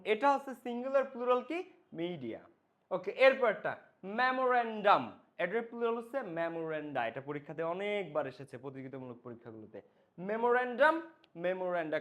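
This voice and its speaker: A man's voice: sits high, a bit bright. A young man with a Bangladeshi accent teaching a grammar lesson, repeating each word several times and checking in with his students often. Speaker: English teacher.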